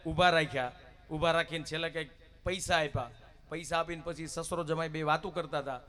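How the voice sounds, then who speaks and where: A man telling stories and jokes on stage at a devotional gathering, acting out the characters' voices. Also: on the high side. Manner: animated, acts out the characters' voices. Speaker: folk storyteller at a devotional gathering.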